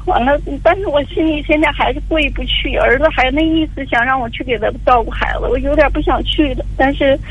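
A woman's voice: high-pitched, a little fast, hardly any pauses, dry recording. An older woman, calling in to an advice radio show and telling a long, tearful story with many fillers. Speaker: caller. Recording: dull lo-fi phone line.

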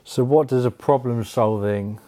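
A man's voice: medium pitch, measured pace, dark tone. A man co-hosting a podcast who teases his co-host and chimes in with short remarks. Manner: teasing, short interjections.

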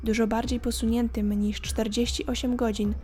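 A woman narrating a scripted horror story in a calm, measured way. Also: a little high. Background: faint background music.

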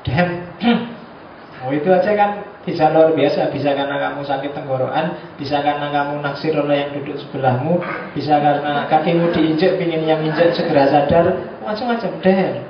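A man's voice: fairly high pitch, moderate pace, far from the mic. A male university lecturer, giving a chatty, joking class lecture and acting out examples. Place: lecture room. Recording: echoey room from afar, dull lo-fi, background noise.

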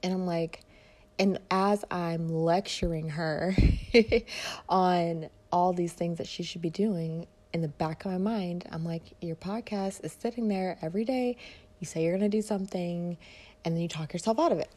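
Speaking at normal speed in a warm, lowish voice, a woman in her 20s from Detroit, Michigan delivers a casual solo podcast monologue. As a fitness and mindset coach hosting her own show, she rambles soothingly and leans on many fillers.

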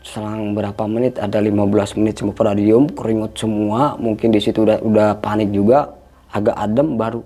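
A man's voice: on the low side, little pitch movement, brisk, dark tone. A man casually recounting a frightening hiking experience, tensely imitating the eerie sounds he heard. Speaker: hiker telling a story. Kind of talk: casual storytelling.

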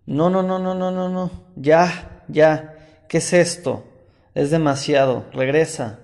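A man's voice: mid-range voice, steady tone, slow pace, warm tone. A man doing an awed, earnest young craftsman. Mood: panicked.

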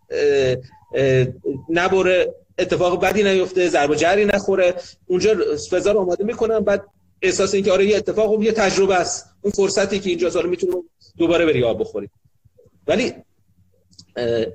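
Middle-aged male counselor, husky, a bit high-pitched, rhetorical teaching talk. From Iran. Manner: asks rhetorical questions and answers them himself. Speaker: sociologist and family counselor. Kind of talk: talk on parenting.

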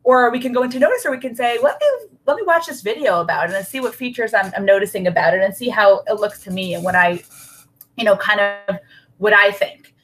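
A woman's voice: mid-range voice, fast talker, a bit bright, poor audio. A woman talking as a guest expert in a podcast interview, who acts out the worried voices in people's heads. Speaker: guest expert on child anxiety.

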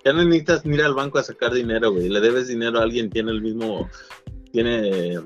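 A man's voice: medium pitch, fairly quick. A young man with a Chicano Mexican-American accent chatting casually in slangy, profane Spanglish-sprinkled speech, telling anecdotes. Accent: Chicano Mexican-American Spanish. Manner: slangy, profane, mixes in English words. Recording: dull lo-fi sound, faint music behind.

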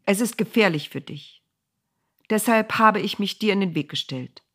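A woman's voice: medium pitch, lively intonation, normal speed, husky, voice pushed up. A woman voicing a stern male angel with a flaming sword. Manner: stern, unmoved.

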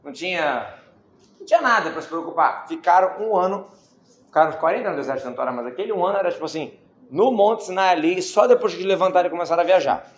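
A man teaching a casual Bible study class, reading verses aloud and adding joking asides and quick rhetorical questions. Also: sits high, animated. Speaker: Torah teacher. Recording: echoey room, dull lo-fi sound, faint hiss.

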